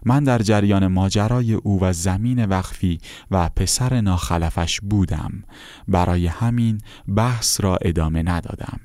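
Very low, dark-voiced male narrator. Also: no echo. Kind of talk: first-person account read aloud.

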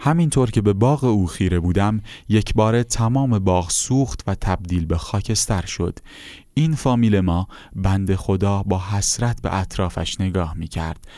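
A man calmly reading a first-person account aloud as narrator. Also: low-pitched, no echo, studio quality.

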